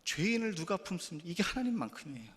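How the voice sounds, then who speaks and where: A male pastor preaching a sermon through stories, animated and candid, dropping to quiet asides and then rising into loud, emphatic bursts. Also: high voice, quick pace, big-room sound. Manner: candid, self-deprecating confession. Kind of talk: storytelling sermon.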